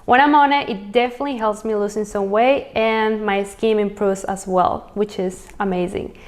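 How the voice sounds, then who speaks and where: A woman's voice: mid-range voice, fairly even intonation, moderate pace. A woman from Venezuela hosting a cooking video, chatting casually and listing ingredients as she prepares meals. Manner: chatty, upbeat, lists ingredients as she cooks. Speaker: cooking channel host. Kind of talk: casual recipe walkthrough.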